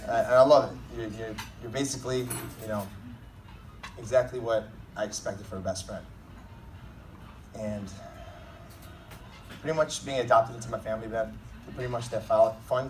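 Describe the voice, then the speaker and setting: A man delivering a comedic best man's wedding speech in a joking, teasing, informal manner. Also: medium pitch. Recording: distant mic, noisy room recording.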